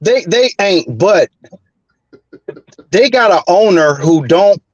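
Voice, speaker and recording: A man's voice: high-pitched, expressive, slow pace, dry recording, lo-fi sound. A man in his forties from the Bay Area, a guest in a casual sports chat, blunt and assertive. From San Francisco Bay Area. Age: 40s.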